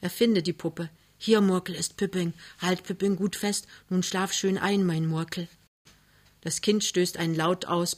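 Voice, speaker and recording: A woman reading a novel aloud in a calm, measured narration. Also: lowish voice. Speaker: reader. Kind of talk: literary reading.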